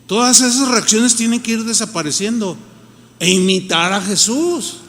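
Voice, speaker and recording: A pastor with a Mexican Spanish accent preaches a sermon in a high, fairly bright voice at a moderate pace. His style is conversational, and he acts out the voices of the people he quotes. The recording has the reverberation of a large hall.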